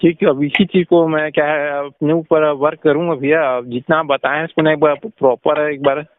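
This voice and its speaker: A man's voice: on the high side, steady tone, moderate pace, no echo. A young man calling for advice, deferential, answering mostly with short acknowledgements. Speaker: caller. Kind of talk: phone call seeking advice. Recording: tinny dry phone line.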